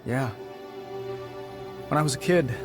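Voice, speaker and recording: A man's voice: medium pitch, close to an everyday voice. A man playing a driven, wisecracking superhero inventor in a video game, sardonic and casual. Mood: wry, sincere. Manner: sardonic, casual, quick to quip. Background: music.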